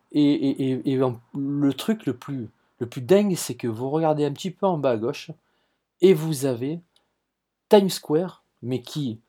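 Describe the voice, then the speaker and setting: A man with a southern French Marseille accent hosts a travel podcast and tells his stories with eager enthusiasm. He repeats words and restarts sentences as he goes, speaks to his listeners directly, and his voice sits in a middle pitch. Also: dark tone. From southern France. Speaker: podcast host. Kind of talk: travel storytelling.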